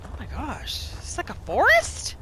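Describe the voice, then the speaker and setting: A woman gives reactive let's-play commentary on a roleplay game, exclaiming as things happen and addressing its characters. Her voice sits high with huge pitch swings at a moderate pace, and there's noise in the background.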